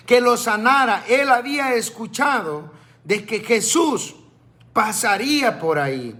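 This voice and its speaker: A man's voice: high voice, bright, forceful tone. A man preaching a fervent sermon, praying and reading scripture with frequent, repeated invocations.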